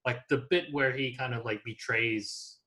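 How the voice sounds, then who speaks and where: A man's voice: mid-range voice, fairly even intonation, a little slow, pushed and bright. A man in casual chat about movies, joking sarcastically and restarting his sentences often. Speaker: scientist discussing movies.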